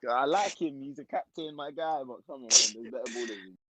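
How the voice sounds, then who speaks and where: A man's voice: mid-range voice, fast, crowd noise. A man in a casual video call, bantering in a laid-back, slangy way. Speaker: panelist.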